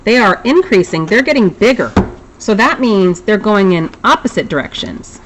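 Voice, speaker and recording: A woman math teacher talks through a recorded lesson in a chatty, casual way. Her voice sits in an ordinary middle pitch, and she drops into self-deprecating asides. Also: big pitch swings, normal speed, background noise.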